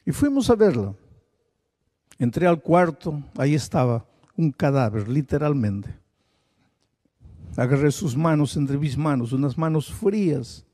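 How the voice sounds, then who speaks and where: A man's voice: fairly high pitch, animated, measured pace, pauses often, mellow. A male preacher delivering a sermon, telling a story with dramatic storytelling emphasis. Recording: echoing large hall with long reverb.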